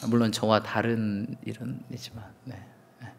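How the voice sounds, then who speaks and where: Gravelly-voiced man preaching. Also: on the low side, flat delivery, moderate pace, a little hiss or hum. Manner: candid, self-mocking storytelling with acted quotes and laughter. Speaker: pastor. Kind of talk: sermon.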